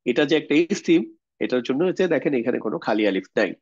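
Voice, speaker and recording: A man's voice: mid-range voice, expressive, rapid-fire, a little mellow, husky, dry recording, dull audio. A man teaching an online grammar class, explaining step by step and often checking whether the students follow. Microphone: video call.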